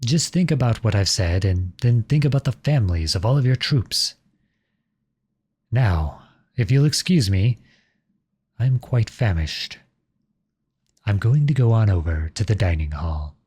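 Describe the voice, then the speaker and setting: An animated, slightly mellow and somewhat rough voice carries this audio-drama role of an outlawed prince working as a low soldier. His speech is formal, measured, courteous and earnest, and the mood is firm and restrained.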